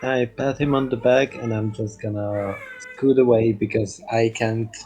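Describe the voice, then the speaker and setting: A soft-spoken player chatting slowly and casually during a tabletop game. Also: mid-range voice, fairly even intonation. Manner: slow and soft-spoken, laughs easily.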